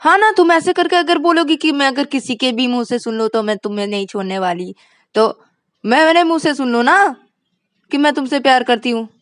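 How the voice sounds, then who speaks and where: A woman voicing a hot-tempered young man who shouts indignantly in a raised, high voice. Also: lively intonation, brisk, no echo, studio quality. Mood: angry shouting.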